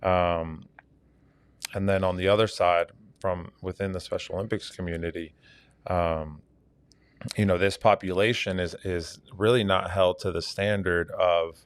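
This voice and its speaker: A man's voice: low voice, steady tone, a little slow, clean tone. A man from Argentina, a fitness coach, talking earnestly as a podcast guest with many fillers. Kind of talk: casual interview talk.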